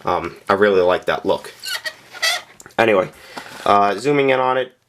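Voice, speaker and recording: A man with a deep, low-pitched voice walks through a scale model in a casual review. He speaks plainly and candidly, stopping often to fill gaps with small hesitations as he points things out. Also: expressive, fairly bright tone, slight background noise. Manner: hesitant and unscripted, frequent "um" and "uh" pauses. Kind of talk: casual product review narration.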